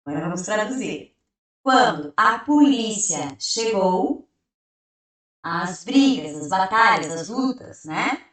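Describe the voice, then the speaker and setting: A woman teaching a grammar lesson at an unhurried, deliberate pace. She walks through each step, asks questions and answers them herself, and reads the example sentences slowly. Her voice comes from some distance away in a very echoey room. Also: mid-range voice. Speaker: English teacher.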